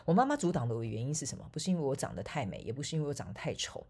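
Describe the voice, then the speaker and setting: Her voice is extremely low yet sing-song and warm, a little rough, and she races along. This Taiwanese-accented spiritual coach, who also teaches online courses, jokes at her own expense in a casual monologue, laughing often and peppering her speech with filler particles.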